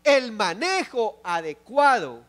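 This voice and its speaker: A male pastor giving an impassioned sermon, repeating phrases and swinging from loud exclamations to soft, low pleas. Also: big pitch swings, slow. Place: church.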